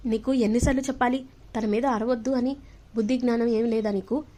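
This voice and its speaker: A woman's voice: a little high, fairly even intonation, brisk, warm tone, close to an everyday voice. A woman voicing a firm older mother who scolds her grown son, in a telling of a TV serial. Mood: stern.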